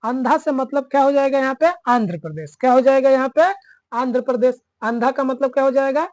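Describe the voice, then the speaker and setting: A woman's voice: high voice, a little fast, darkish tone, no echo. A woman teaching map mnemonics, who keeps asking the class questions and answering them herself. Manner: drills answers by repeating them.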